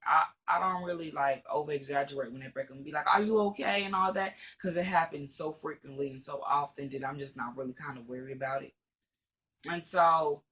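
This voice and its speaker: A man's voice: a little high, a bit bright. A teenage man from Arkansas, telling a rambling storytime with lots of "or whatever" and cursing. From Arkansas, USA. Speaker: vlogger. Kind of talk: casual storytime.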